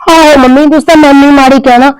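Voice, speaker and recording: Actress as a whiny young bride, high voice, dry close sound. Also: female voice, fairly even intonation, racing, darkish tone, dry recording, close to an everyday voice, poor audio. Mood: pleading. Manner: whiny, pleading. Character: young daughter-in-law, sulky and self-pitying. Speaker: actor in a family skit. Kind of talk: scripted domestic skit acting.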